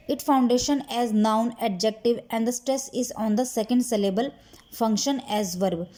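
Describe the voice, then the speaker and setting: A woman teacher, slowly reading lines from a textbook and then explaining them in fast, chatty Hindi. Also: fairly high pitch, dark tone.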